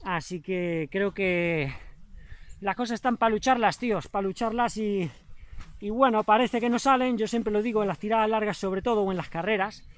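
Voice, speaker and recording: A man's voice: sits high, normal speed, smooth. A married man, a trail runner and coach, talking casually to his viewers after a long run and cheering them on. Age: adult, married. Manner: chatty, motivational, addresses viewers as mates. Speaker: trail running vlogger and coach. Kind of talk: casual post-run vlog talk.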